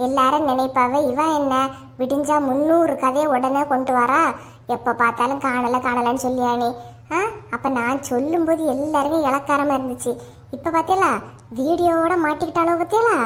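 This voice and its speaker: A shrill, very high cartoon voice of a gossiping village woman with a Kanyakumari Tamil accent, put on by a woman. She talks in a quick, complaining sing-song. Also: steady tone, lightly acted. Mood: indignant. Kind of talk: cartoon voice acting.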